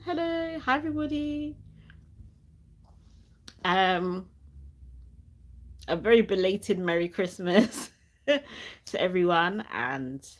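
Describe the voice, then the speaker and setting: A young woman hosting a casual livestream, chatty and laughing often, reading viewer comments aloud, with a cough sweet in her mouth and a sore throat. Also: mid-range voice. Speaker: channel host.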